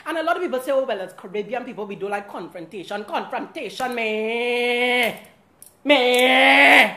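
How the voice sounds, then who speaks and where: A young woman with a Trinidadian accent giving a sassy, dramatic comic monologue to camera as a vlogger, her loudness swinging widely. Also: high voice, echoey room.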